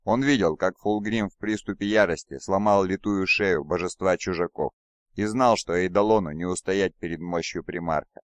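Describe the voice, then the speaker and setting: A man reading an audiobook in steady, dramatic scripted narration. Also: low voice, moderate pace, no echo.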